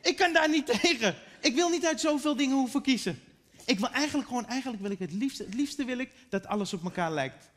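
High-voiced animated man in his thirties. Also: fairly quick. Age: 30s. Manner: animated, acting out relatives. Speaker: stand-up comedian. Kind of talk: stand-up routine. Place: theater stage. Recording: echoey theater hall.

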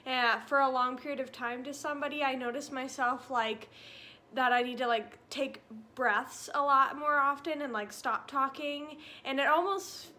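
In her living room beside a stone fireplace, a twentysomething vlogger shares a relaxed pregnancy update, a bit short of breath and chatty with many fillers and "likes." She speaks at normal speed in a high, pushed, bright voice with fairly even intonation.

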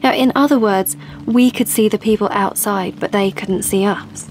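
At normal speed and in a darkish mid-range voice close to everyday speech, a woman portrays a persuasive, assertive young woman in an audio play's monologue and dialogue. Her manner is insistent, explanatory, and confiding, in a low-quality recording with slight background noise.

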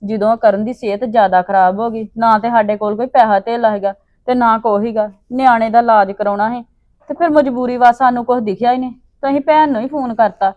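A woman's voice: on the high side, steady tone, fairly quick, no echo, phone-quality sound. A woman with a Punjabi accent acting a pleading daughter-in-law in a family drama. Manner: pleading, appeasing.

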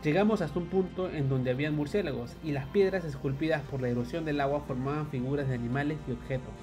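Man narrating a voice-over over loud music. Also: on the high side, fast talker.

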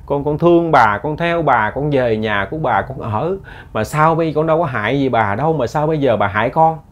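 A man voicing a pig spirit that softly begs an old woman to spare it. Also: medium pitch, animated, brisk, muffled recording, lightly acted. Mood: pleading. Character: pleading pig spirit, timid and begging.

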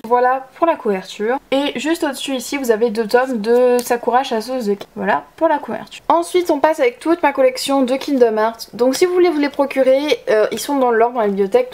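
Young woman vlogger, a touch high-pitched, relaxed and hesitant shelf-tour talk. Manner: chatty, hesitant with frequent fillers. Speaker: manga collection vlogger. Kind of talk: casual shelf tour narration.

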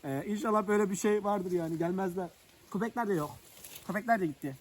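A man's voice: high-pitched, fast. A man vlogging outdoors in the countryside, chatting and joking with viewers while he lights a fire. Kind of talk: casual chat to camera. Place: outdoors in rural nature.

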